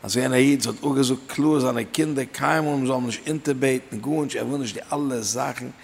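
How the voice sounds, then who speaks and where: Male Torah teacher, gravelly voice, sing-song lecture delivery in a reverberant room. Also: medium pitch, a little fast, slight background noise. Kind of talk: Talmudic lecture in Yiddish-inflected German.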